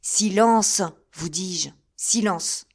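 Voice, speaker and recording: A woman reads a commanding musketeer captain in a classic adventure audiobook, raising her voice into a louder, higher urgency. He talks in pressing, clipped orders, with no hurry in the overall pace. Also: a little slow, lightly acted. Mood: hushed warning. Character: bold Gascon musketeer captain, middle-aged man. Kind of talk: audiobook character reading.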